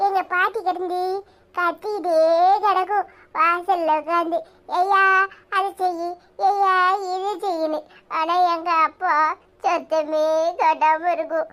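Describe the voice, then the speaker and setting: A woman's voice: very high voice, fairly even intonation, slow, a bit bright, heavily acted. A woman doing a cheeky little village boy with a Tirunelveli accent. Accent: Tirunelveli Tamil. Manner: chatty, teasing. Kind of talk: cartoon voice acting.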